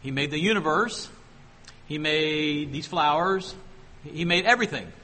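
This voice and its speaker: A man preaching a sermon, asking the congregation questions and slowing down to read scripture aloud. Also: a little high, sharp tone. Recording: long hall reverb.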